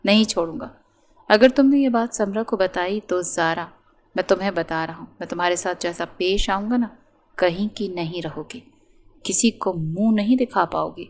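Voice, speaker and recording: A woman's voice: on the low side, a little mellow, lightly acted. Woman reading as an angry, threatening young man. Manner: harsh, accusing.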